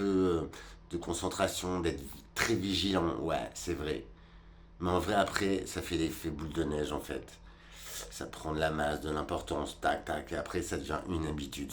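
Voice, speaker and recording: A man's voice: a bass voice, a little hiss or hum. A man in his forties giving a rambling, colloquial monologue, talking straight to the viewer about life. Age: 40s. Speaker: vlogger. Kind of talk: casual reflective monologue.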